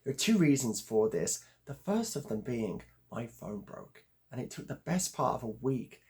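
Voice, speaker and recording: A man hosting a book channel, his voice hoarse and croaky from the flu, talking about his reading in a wry, leisurely way. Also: medium pitch, very animated, moderate pace, dark tone. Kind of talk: casual book review.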